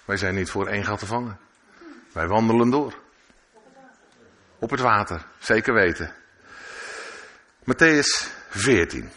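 A man's voice: on the low side, unhurried, long pauses, sharp tone. A man preaching a sermon at a church service, reading scripture and adding conversational asides and questions to his listeners.

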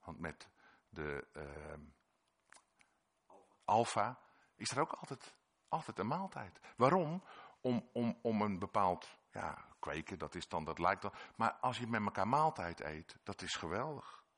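A man's voice: lowish voice, sing-song, a little slow, a bit bright. A man preaching a sermon in Dutch-language church talk, earnest and repetitive, sometimes acting out short quoted voices.

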